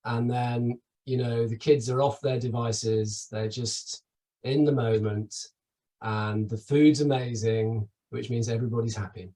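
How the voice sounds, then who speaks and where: A middle-aged man from the UK talks through a webinar slideshow in a chatty, enthusiastic way, full of asides and quick restarts. His voice sits in an ordinary middle register. It sounds a little distant from the microphone. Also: mid-range voice, fairly even intonation, dark tone. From United Kingdom. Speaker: travel company presenter. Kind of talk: webinar presentation over slides.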